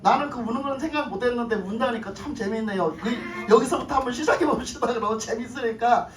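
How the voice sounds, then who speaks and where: In a church sanctuary, a woman pastor with a slightly high voice preaches fast while faint music plays behind her. She often asks the congregation questions, repeats phrases, and chuckles, captured distantly in an echoey room with faint noise.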